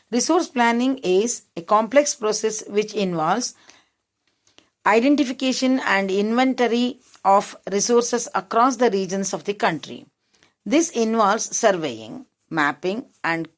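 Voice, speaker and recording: A woman with an Indian English accent teaches a geography lesson. She reads a passage, then goes back over it in plainer words, often restarting her sentences. Her voice sits at an ordinary middle pitch. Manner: rephrases each point in simple words, asks if it is clear. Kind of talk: classroom lesson, reading then explaining.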